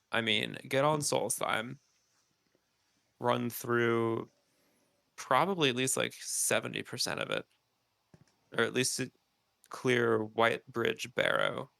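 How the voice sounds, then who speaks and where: Gravelly, bright-toned man, congested. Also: medium pitch, dry recording. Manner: explains at length with many ums and pauses. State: stuffy nose, sneezing. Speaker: podcast co-host. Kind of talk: casual chat.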